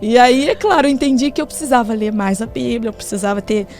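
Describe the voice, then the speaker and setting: Animated Brazilian woman sharing testimony. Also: a little high, fast, soft background music. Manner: animated storyteller, laughs a lot. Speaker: interview guest.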